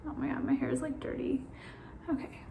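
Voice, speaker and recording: A woman's voice: high voice, huge pitch swings, a little fast, vocal fry, echoey room, noisy background. A woman vlogging casually on a phone camera, anxious and rambling, swearing now and then. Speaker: beauty vlogger. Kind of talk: casual chat.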